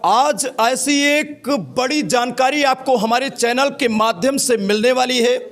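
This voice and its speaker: A man's voice: very high voice, unhurried, fairly bright tone. A man reporting local news on location from a village panchayat hall, addressing viewers emphatically.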